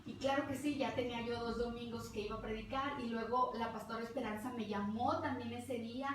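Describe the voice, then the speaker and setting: A woman's voice: a little high, steady tone, brisk, noisy background. A middle-aged woman with a Mexican accent, preaching a fervent testimonial sermon and repeating words for emphasis. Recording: very echoey hall, distant mic, faint ambience.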